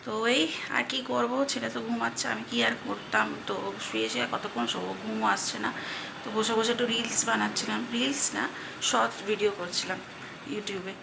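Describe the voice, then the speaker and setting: Woman vlogger from bengal chatting while she cooks, bit of vocal fry, echoey kitchen with noise behind. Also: on the high side, lively intonation, fairly quick. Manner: chatty, talks while cooking and cleaning. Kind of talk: casual vlog narration to viewers. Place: home kitchen.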